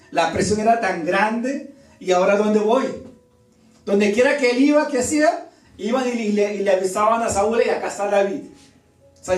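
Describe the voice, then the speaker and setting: A man preaching a sermon in a church, telling the story in an animated way and acting out the voices in it. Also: extremely high pitch. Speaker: pastor. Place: church hall. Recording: echoey church room, far from mic.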